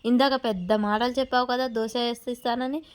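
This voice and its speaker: A woman's voice: on the high side, fairly even intonation, brisk, clean tone, close to an everyday voice. A woman voicing a young wife who teases and scolds her husband, in a retold TV serial scene. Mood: scolding. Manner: teasing, scolding.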